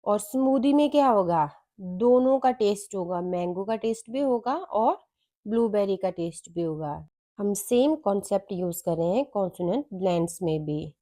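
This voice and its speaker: A woman with an Indian accent teaching a children's phonics lesson, sounding out letters one by one in a careful, deliberate way. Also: mid-range voice, expressive, mellow. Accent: Indian English.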